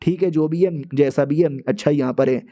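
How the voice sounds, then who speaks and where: A man voicing a cocky young male swordsman hero, speaking bluntly and offhandedly, a little lower than his narration. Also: a little fast, warm tone, close to an everyday voice. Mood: offhand.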